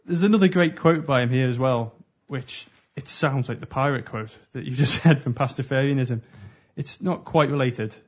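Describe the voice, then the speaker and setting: Husky man reading quotes on a podcast. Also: mid-range voice, moderate pace, few pauses. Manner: reads out quotes with dry asides. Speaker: podcast co-host. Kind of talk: casual comedic chat. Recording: muffled lo-fi podcast audio.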